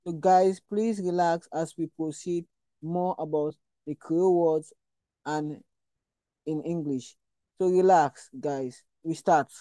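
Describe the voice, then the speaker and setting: A woman teaching vocabulary deliberately, repeating words and spelling them out. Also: deep voice, mellow, no room sound, low-quality recording. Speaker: language teacher and channel host. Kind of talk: slow vocabulary lesson with repetition.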